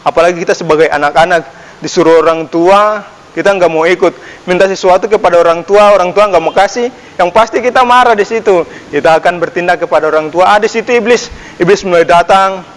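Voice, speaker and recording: A man's voice: high voice, fast talker. Young man teaching kids in echoey church. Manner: addresses children as their older brother, asks questions, lively rises. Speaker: Sunday school teacher. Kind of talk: children's sermon. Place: church hall. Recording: long echo of a church hall.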